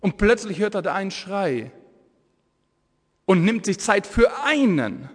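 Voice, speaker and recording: A man in his forties, an evangelist, preaching a sermon with fervent, excitable Bible storytelling in a church hall. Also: high-pitched, measured pace. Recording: echoey hall reverb.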